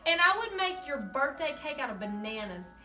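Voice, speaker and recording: A woman voicing a loving, patient storybook mother who answers calmly and reassuringly. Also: high voice, normal speed, echoey room, recorded from a distance, faint music behind, voice pushed up, full character voice. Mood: loving, soothing. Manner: warm and reassuring.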